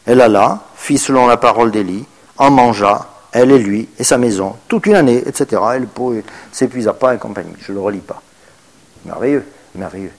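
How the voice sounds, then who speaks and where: A man preaching a sermon in French, reading scripture aloud and commenting on it, with hesitations, and moving from raised, emphatic bursts to quiet, murmured asides. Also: mid-range voice, a little fast.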